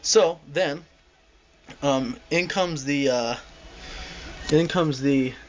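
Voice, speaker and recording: A man's voice: fairly high pitch, very slow. A young man telling a rambling, exasperated story in casual vlog style and acting out the people he quotes. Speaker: vlogger. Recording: dull lo-fi home video with faint hiss.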